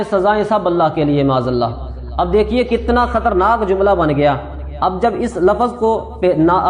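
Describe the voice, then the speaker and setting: A man teaching religious rules on prayer and correct recitation, explaining step by step and repeating his points. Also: high voice. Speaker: qari teaching Quran recitation. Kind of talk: religious lesson on prayer and tajweed. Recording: echoey hall reverb.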